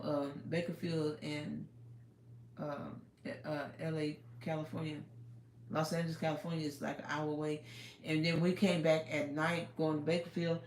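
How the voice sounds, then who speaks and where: A woman's voice: deep voice, creaky, roomy sound, a little hiss or hum. A woman in her fifties chatting casually on a livestream, rambling and giving life advice, talking into her phone. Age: 50s. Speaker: livestream host.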